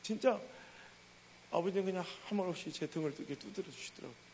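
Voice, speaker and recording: A middle-aged pastor tells a story from the pulpit in a church with animated, emotional energy. His voice sits high for a man and carries a gravelly edge. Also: quick pace, rough recording. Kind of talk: sermon storytelling.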